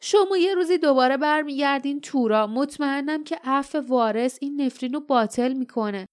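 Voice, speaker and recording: A woman's voice: on the high side, no echo, clean studio sound, close to an everyday voice. A woman voicing an eager young male hero in an audiobook, speaking in a heartfelt way in a raised voice.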